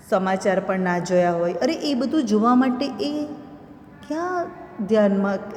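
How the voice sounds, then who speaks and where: A woman's voice: medium pitch, slight background noise. Woman teacher explaining a lesson, echoey. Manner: expressive storytelling, slows down for emphasis. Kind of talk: explaining a school literature lesson. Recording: echoey room with long reverb.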